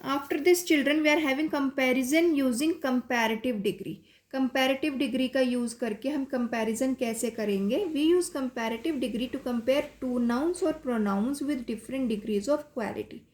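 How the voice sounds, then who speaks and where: High-voiced Indian woman teaching slowly. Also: a little mellow. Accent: Indian English. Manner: explains step by step, rapid in Hindi, slow and deliberate in English. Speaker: English teacher. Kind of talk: classroom lesson, mixing Hindi and English.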